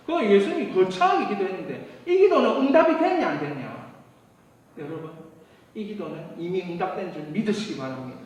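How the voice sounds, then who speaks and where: A high, lively male voice, preaching in a loose, chatty way that swings between loud bursts and quiet asides. His words ring through a long church reverb, picked up from some distance. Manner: animated, conversational preaching with laughs and asides. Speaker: pastor. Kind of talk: sermon. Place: church sanctuary.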